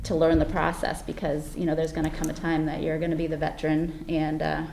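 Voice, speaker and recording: A woman's voice: sits low, completely flat delivery, brisk, vocal fry, a little mellow, faint music behind. A woman chairing a public meeting whose voice sounds muffled, as if she has a bucket over her head, picked up by a laptop mic across the room. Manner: hesitant, restarting, chairing the meeting. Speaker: committee chair. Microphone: laptop microphone across the room. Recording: noisy remote meeting audio from a laptop mic.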